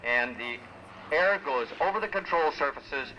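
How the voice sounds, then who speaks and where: A man's voice: medium pitch, expressive, measured pace, sharp tone, muffled recording. A man giving live airshow commentary, describing each maneuver in technical detail as it unfolds. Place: outdoor airshow. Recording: noisy outdoor PA with aircraft engines. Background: propeller aircraft engine noise.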